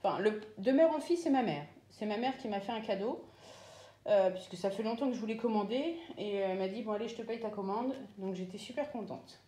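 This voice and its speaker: A chatty woman walks through her craft purchases in a relaxed, hesitant way, full of fillers. Her voice is mellow and sits at a middle pitch. The room around her is echoey. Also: brisk. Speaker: craft vlogger. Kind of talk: casual show-and-tell.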